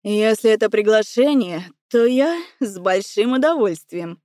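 A woman voicing a commanding, seductive male tycoon, the heroine's ex-husband, with a low velvety voice, in a slow, coolly insistent audiobook delivery. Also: animated, darkish tone, no room sound, clean studio sound, natural voice. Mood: suggestive. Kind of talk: audiobook character voice.

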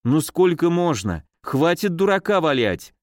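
Guy doing a fussy prim nurse lady, shrill and jumpy, dry close sound. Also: sing-song, unhurried, dry recording. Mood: frightened, scolding. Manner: mannered, fussy, shrieking when afraid. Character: shrill, easily scared female nurse.

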